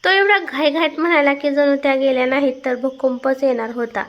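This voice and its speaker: A woman narrating a family story in a steady, expressive reading voice. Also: high voice, brisk, muffled recording.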